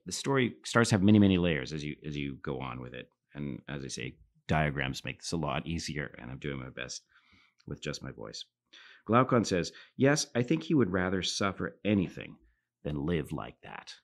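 A middle-aged man hosts a philosophy podcast, offering thoughtful, lecture-style commentary and reading passages aloud. His creaky voice rises for quotations and sinks low at the ends of phrases.

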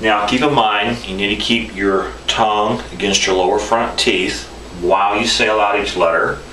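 A middle-aged man teaches informally in a very low voice with a firm, bright edge. He is recorded in an echoey room, a little away from the camera's microphone. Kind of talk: informal instructional demonstration. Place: small indoor room at a whiteboard. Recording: echoey room, distant mic, faint noise.

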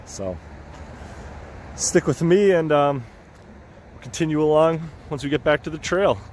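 A man's voice: a little slow, a little mellow. Chatty man vlogging a lakeside trail walk. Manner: easygoing, chatty, repeats and restarts phrases. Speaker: hiking vlogger. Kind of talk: casual walking commentary to camera. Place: outdoors on a wooded lakeside trail. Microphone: handheld camera or phone held by the walker. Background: faint highway traffic.

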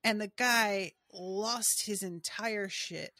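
On a podcast, a woman co-host chats casually while recapping a TV episode, often drifting off into asides. She speaks slowly in a mid-range voice that's bright and forceful, recorded dry at studio quality.

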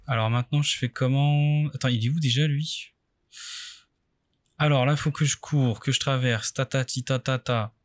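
A man's voice: medium pitch, steady tone, normal speed. A man doing casual let's play commentary, thinking aloud and muttering hesitantly to himself in short bursts. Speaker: let's play video game streamer.

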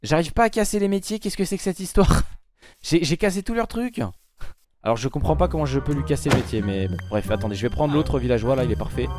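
A man recording let's play commentary, talking to his viewers and to game characters, swinging from low muttering to sudden loud outbursts. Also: animated, quick pace, music in the background. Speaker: gaming YouTuber.

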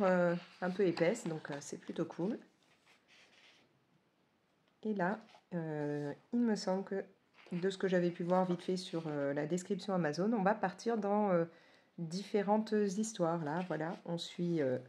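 A woman's voice: fairly low pitch, unhurried, dark tone, a little hiss or hum. A woman from France in her forties, chatting casually and gushing as she flips through coloring books, with lots of hesitations. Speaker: coloring book reviewer. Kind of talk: casual book flip-through commentary.

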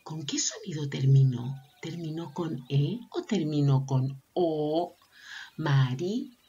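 A woman teacher gently leading a slow vowel lesson for preschool children, asking them questions and praising them. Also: sits low, husky, lo-fi sound. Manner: affectionate, encouraging, asks children questions. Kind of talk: slow, sing-song lesson for young children.

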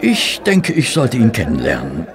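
An actor playing Dr Watson, a weary, rueful army doctor back from war, narrating and talking in a radio play. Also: male voice, lowish voice, huge pitch swings, normal speed. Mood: friendly. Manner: rueful, weary, warmly polite. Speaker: narrator and character. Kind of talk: German radio play acting. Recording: restaurant crowd murmur behind. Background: restaurant chatter.

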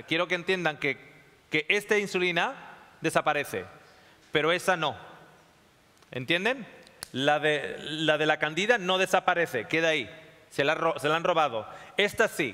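Man, lecture to an audience, bright tone, repeats himself, reverberant hall. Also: on the high side. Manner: checks in often with the audience, repeats phrases. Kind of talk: classroom talk to a live audience.

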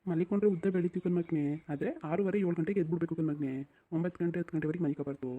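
A voice actor playing an old village grandfather who gently lectures his grandson in a cartoon. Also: mid-range voice, fairly even intonation, rapid-fire, narrow, tinny audio, lightly acted. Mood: gentle. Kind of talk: cartoon voice acting.

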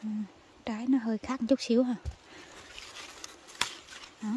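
A woman's voice: a little high, flat delivery, a little slow, dark tone, slight background noise. Chatty woman in her garden. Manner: chatty and exclamatory, calls viewers family. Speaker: gardening vlogger. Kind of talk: casual chat to viewers while harvesting. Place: outdoor home vegetable garden.

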